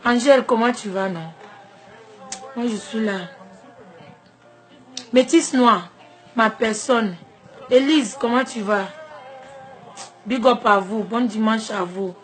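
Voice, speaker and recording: A woman from Togo with a Togolese French accent, talking straight to her followers in an emphatic, confrontational rant that swings between shouting and soft asides. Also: fairly high pitch, slow, pauses often, soft background music. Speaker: social media vlogger. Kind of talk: direct-to-camera personal rant.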